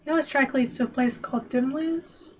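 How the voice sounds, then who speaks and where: A woman reading a gruff man's warning. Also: sits high, fairly quick, a little hiss or hum, close to an everyday voice. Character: gruff man sitting on train tracks, warning strangers.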